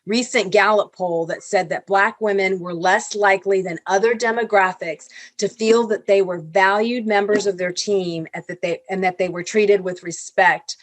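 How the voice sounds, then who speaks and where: Woman from Venezuela, executive panel guest on a video call: earnest, explanatory, medium pitch, dry close sound. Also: steady tone, normal speed, few pauses, no echo. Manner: earnest and explanatory, with small restarts. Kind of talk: panel discussion.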